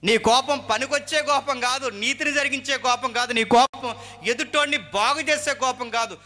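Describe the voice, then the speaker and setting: A man's voice: very high voice, moderate pace, pushed and bright. A male preacher with a Telugu accent giving an emphatic sermon, asking the congregation questions and repeating phrases for force.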